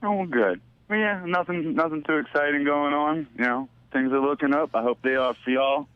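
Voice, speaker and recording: A man's voice: fairly high pitch, normal speed, clean tone, dry recording, muffled recording. A man calling in to a radio talk show, heard over the phone, politely checking in and wishing the hosts well. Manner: brief, polite, friendly check-in. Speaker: caller.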